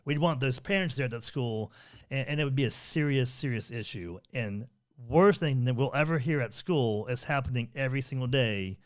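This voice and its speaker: A man's voice: medium pitch, moderate pace. A middle-aged man co-hosting a parenting podcast, talking earnestly and rambling, with many fillers and restarts. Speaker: podcast co-host. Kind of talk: casual conversational podcast chat.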